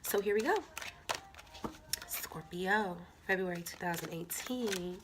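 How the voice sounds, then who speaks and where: In a lowish voice, taking her time, a woman with a stuffy nose does an informal tarot reading aimed right at her viewers. She chats freely with lots of fillers while background noise runs underneath.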